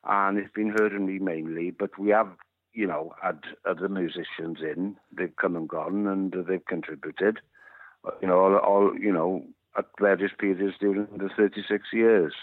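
A musician guest in his fifties, from West Wales and a native Welsh speaker, talks in an interview by phone with a low, steady voice at a moderate pace. The line is dry and tinny with no echo, and he takes his time, dropping many "uh"s and "you know"s.

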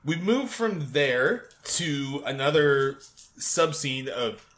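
A man co-hosting a casual TV recap podcast, animated and quick to laugh, with casual swearing. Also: on the high side. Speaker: podcast co-host.

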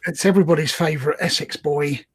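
A man co-hosting a casual podcast, chatting through army lists with quick asides and bursts of laughter. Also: on the high side, fairly even intonation, slightly rough, no room sound, clean studio sound. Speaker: podcast co-host. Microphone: remote call.

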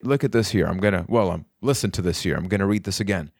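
A man's voice: sits low, fast, vocal fry, no room sound, clean studio sound. A man hosting a solo podcast, talking earnestly and motivationally straight to his listeners. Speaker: podcast host. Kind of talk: reflective solo podcast talk.

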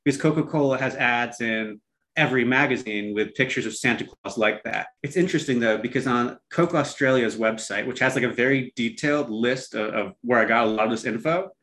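A man with a medium-pitched voice talks as a co-host. He explains things conversationally, with a wry, irreverent streak and a casual delivery. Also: a little fast, a bit bright.

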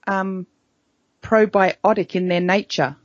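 A woman's voice: mid-range voice, fairly even intonation, unhurried, dry recording. A woman host asks friendly, curious questions and chips in with stories from her own family life. Her voice sits in the middle range and sounds dry and close, with a dull lo-fi tone. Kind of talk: casual interview chat.

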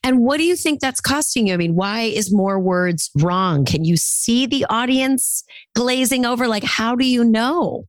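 With an animated, rather high voice and a slightly slow pace, a woman in her late forties hosts a coaching call on a dry recording. She's a podcast host and speaking coach, upbeat and encouraging, and she drops in playful asides.

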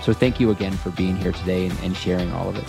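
A man's voice: deep voice, steady tone, quick pace, creaky, over music. A man hosting a podcast, thanking his guest appreciatively, with a few stammered restarts. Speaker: podcast host. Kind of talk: podcast interview.

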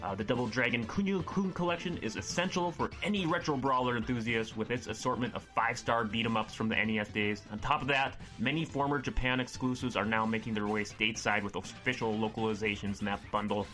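A man delivers a scripted retro games roundup with eager, list-heavy enthusiasm. His voice is bright and forceful, a little worn as he admits he is losing it. Faint music plays underneath. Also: medium pitch, fast, hardly any pauses. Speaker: retro segment presenter. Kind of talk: scripted segment read.

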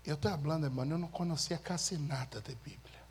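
A male preacher giving a sermon, telling stories in an animated way that bursts into shouted exclamations. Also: fairly high pitch, quick pace, slight background noise.

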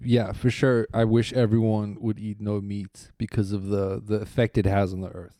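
A man's voice: fairly low pitch, flat delivery, warm tone, dry recording, clean studio sound. A man from Africa co-hosting a podcast, blunt and profane in casual chat. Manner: blunt, profane, quick to laugh. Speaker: podcast co-host.

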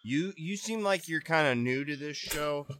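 A man's voice: fairly high pitch, lively intonation, moderate pace, fairly bright tone, a little hiss or hum. A man playing his character in a tabletop game podcast, rambling and hesitant in a comic way. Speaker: player.

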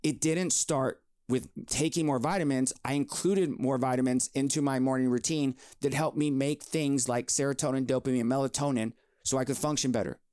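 A man's voice: medium pitch, fairly even intonation, fairly quick, a little mellow, clear, resonant tone, no echo, studio quality. A man in his forties hosting a solo health podcast, talking in an upbeat, emphatic, motivational way. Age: 40s. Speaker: podcast host.

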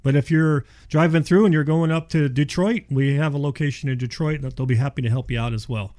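A fast-talking man gives casual explanations as a guest on a radio show. His voice is slightly high and mellow. He sounds folksy and restates points for emphasis. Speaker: insulation contractor, show guest.

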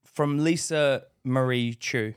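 A man's voice: mid-range voice, slow, smooth, no room sound, clean studio sound. A man co-hosting a casual podcast, teasing his co-host, laughing often and reading listener emails aloud. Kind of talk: casual banter.

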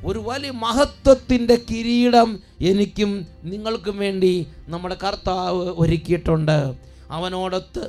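A preacher man with a high, gravelly voice delivers a fervent sermon. He repeats his phrases for emphasis and stretches important words out slowly, with soft music playing faintly behind him. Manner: calls the congregation to shout responses.

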